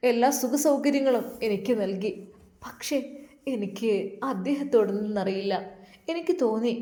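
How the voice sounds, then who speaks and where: A woman's voice: a little high, mellow, natural voice. A woman voicing a remorseful young pregnant wife who tells her story in a pleading, raised voice.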